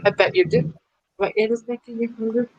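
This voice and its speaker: A woman hosting a casual livestream chat, excitable and chatty, laughing often. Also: a little high, fairly quick, no echo, muffled recording. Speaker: livestream host.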